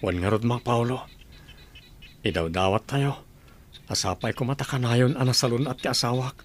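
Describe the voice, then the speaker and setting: A man's voice: mid-range voice, moderate pace, close to an everyday voice. Man playing a plaintive, sorrowful Ilocano family man. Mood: earnest pleading. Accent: Ilocano Filipino. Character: sorrowful ailing husband, father and son. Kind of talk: Ilocano radio drama acting.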